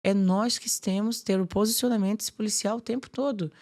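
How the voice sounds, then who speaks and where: Animated woman sharing her faith. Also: mid-range voice, brisk. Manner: animated, fills speech with "tipo assim". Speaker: podcast guest. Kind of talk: casual faith conversation.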